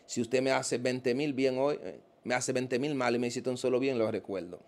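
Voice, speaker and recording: A man's voice: medium pitch, fairly even intonation, moderate pace. A man with a Dominican accent, a guest in a casual interview, telling stories with animation and acting out the voices of the people he quotes.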